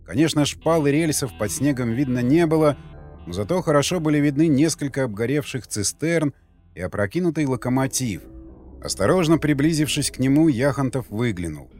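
A man narrating an audiobook in steady storytelling and acting out the characters. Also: medium pitch. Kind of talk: scripted narration.

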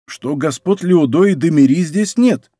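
An eager, bowing castle warden who answers every question with courtesy, as the narrator reads him. His voice is a touch higher than the narration and sounds dry and close. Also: lively intonation, measured pace, mellow, no room sound. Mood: deferential. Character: deferential male castle warden, servile.

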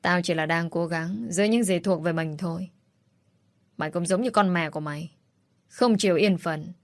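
A scheming middle-aged stepmother sneers and threatens in a dry, close audiobook reading, voiced by a woman narrator. Her voice sits low for a woman. She speaks with open contempt. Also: moderate pace, dry recording, natural voice. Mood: scornful.

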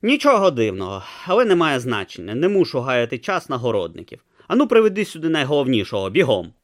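A man's voice: mid-range voice, wildly swooping pitch, fast. A man voicing an irritable, imperious ancient god trapped in the body of a small tortoise, barking orders and sneering. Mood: bossy. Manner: imperious, sarcastic, barks orders.

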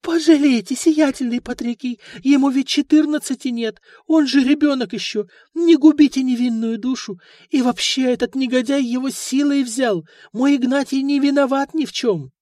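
A man voicing a poor middle-aged widow who sobs and begs in a high, wailing voice, as the reader of an audiobook. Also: moderate pace, a little mellow, no room sound, studio quality. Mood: sobbing plea. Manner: wailing, tearful pleading. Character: poor widowed mother, sobbing, begging.

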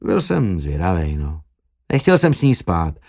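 A man's voice: low voice, wildly swooping pitch, creaky, darkish tone, pitched below the performer's own voice, full character voice. A man voicing a brash, crude young male doctor who talks in a cheeky, boastful way. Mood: defensive.

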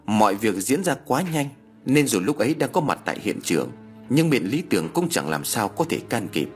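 A man's voice: medium pitch, big pitch swings, moderate pace, soft background music. A man narrating an audiobook story in a dramatic manner. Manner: dramatic, swings into character voices.

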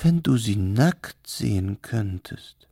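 A man's voice: on the low side, lively intonation, takes it slowly, creaky, warm tone, breathy edge, dry recording, clean studio sound, full character voice. A man voicing a gossipy, fawning matchmaker of unclear sex in a storybook reading. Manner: fawning, wheedling.

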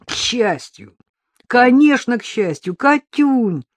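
A woman voicing an excited, loyal male friend calling on the phone in an audiobook, speaking in quick exclamations. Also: fairly high pitch, dry recording, voice pushed up, exaggerated voice. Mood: overjoyed.

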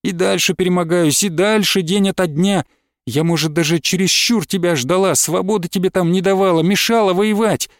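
A man's voice: sits high, moderate pace, no echo, studio quality. A man voicing a devoted young peasant wife who pleads in an earnest, tender rush of words. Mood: pleading.

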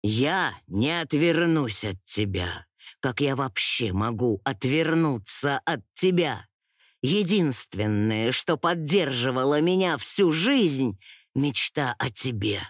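Woman doing a lowered young man's voice, anguished, shaky, slow, dry close sound. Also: lively intonation, no room sound, full character voice. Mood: tender. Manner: low strained voice, shaky. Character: young man, anguished, hurt and defensive. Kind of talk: audiobook character voice.

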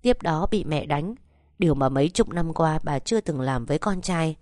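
A woman narrating a family story in a calm, measured reading voice. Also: low-pitched, dry recording, studio quality.

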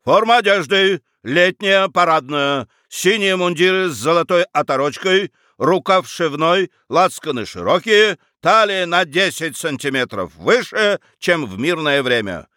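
A man voicing a pompous, excitable old duke who barks indignant orders. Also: fairly high pitch, slow pace, few pauses, no echo, clean studio sound, voice pushed up. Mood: shouting, indignant. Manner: shouting, indignant, bossy commands.

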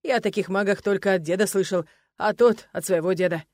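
A woman's voice: mid-range voice, fairly quick, darkish tone, dry recording, close to an everyday voice. Woman voicing a cheeky snorting male horse. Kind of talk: audiobook character voice.

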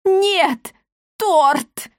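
A woman voicing a greedy, bossy old woman villain who screeches and shouts orders in a storybook reading. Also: mid-range voice, a little slow, no room sound, clean studio sound, natural voice. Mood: horrified.

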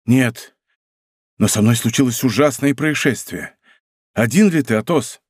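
A man's voice: mid-range voice, a little slow, slightly rough, dry recording, clean studio sound. A man reading an audiobook, voicing a hot-headed young nobleman who speaks urgently and earnestly.

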